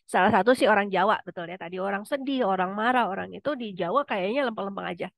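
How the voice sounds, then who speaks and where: A woman's voice: mid-range voice, fast talker, vocal fry, dry recording. A woman lecturer leading an online class discussion in a conversational way, often asking her students questions.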